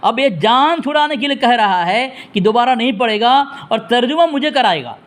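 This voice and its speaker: High-voiced man scolding in a phone debate. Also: animated, fairly bright tone. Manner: insistent, scolding, repeats demands; turns aside to address the audience. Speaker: debate host on a phone call.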